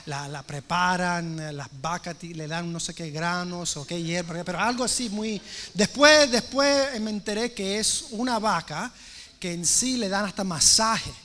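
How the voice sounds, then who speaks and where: A man preaching by telling a chatty personal story, acting out the dialogue with animated energy. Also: high-pitched, measured pace, slight background noise. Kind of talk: sermon storytelling.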